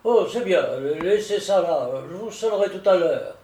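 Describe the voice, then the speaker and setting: A man voicing a wealthy gentleman detective-burglar in a storybook reading, giving brisk, exclamatory commands. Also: high-pitched, animated, slight background noise, voice pushed up. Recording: roomy echo, distant mic.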